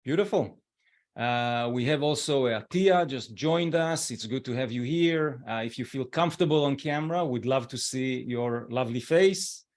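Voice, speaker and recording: An Israeli man in his forties hosts an online webinar over a video call, speaking gently and encouragingly and using plenty of fillers. His pitch is medium and his speed normal.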